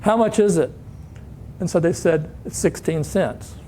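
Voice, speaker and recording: Lively older man telling stories on stage. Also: a little high, measured pace, slight background noise. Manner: animated anecdotes, acts out quoted voices. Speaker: conference speaker. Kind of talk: storytelling talk. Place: conference hall.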